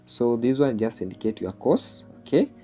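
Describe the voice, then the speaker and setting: A Kenyan man, a native Swahili speaker with a Kenyan accent, hosts an online jobs tutorial, walking through a screen share step by step and often checking in with "okay?" at the end of phrases. His mid-range voice is animated and dark in tone, at a moderate pace, with faint music in the background.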